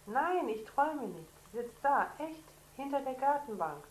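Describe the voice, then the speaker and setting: A woman voicing an excitable, brave young boy with a raised, urgent voice, read aloud in an echoey room. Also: mid-range voice, normal speed, slight background noise, natural voice. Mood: insistent.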